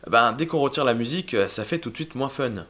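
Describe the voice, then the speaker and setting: A man's voice: mid-range voice, fairly quick, fairly bright tone. A man co-hosting a comedy web show, presenting casually in colloquial, joking talk. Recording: music clearly behind.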